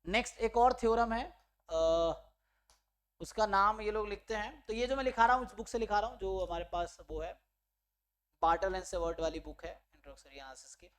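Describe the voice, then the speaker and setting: A man's voice: high-pitched, normal speed, fairly bright tone. A man teaching a maths lecture for exam preparation, explaining step by step and checking in with his students. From India. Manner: explains step by step, mixing English terms and checking in with listeners. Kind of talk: online exam-prep lecture.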